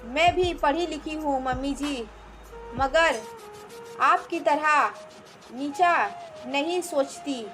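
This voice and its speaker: A woman's voice: sits high, takes it slowly, pauses often, fairly bright tone, faint music behind. A woman reading the lines of a cheerful young wife who answers back to her strict mother-in-law, in a storybook narration. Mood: indignant. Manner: frank, indignant.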